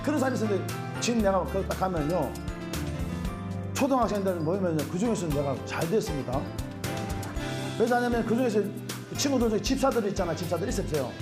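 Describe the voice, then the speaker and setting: A middle-aged Korean pastor, preaching a sermon in an animated way and often calling out hallelujah. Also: male voice, high voice, brisk, music in the background.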